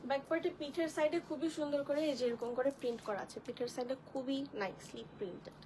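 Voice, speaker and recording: High-pitched woman doing a live dress sale, chatty, calls out commenters, faint hiss behind. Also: fast talker, a little mellow, low-quality recording. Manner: chatty, addresses viewers as sisters, greets commenters by name. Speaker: online clothing seller on a live stream. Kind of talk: live-stream product showcase.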